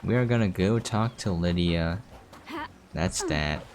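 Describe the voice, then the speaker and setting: With game music and some background noise behind him, a deep-voiced man streams a game, talking a little slowly as he rambles and thinks aloud in casual commentary.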